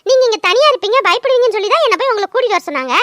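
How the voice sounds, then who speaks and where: A woman voicing a cheeky, bossy little girl in a cartoon, who talks in quick, blunt chatter. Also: very high-pitched, lively intonation, a bit bright, no echo, studio quality. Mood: impatient. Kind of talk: cartoon dubbing.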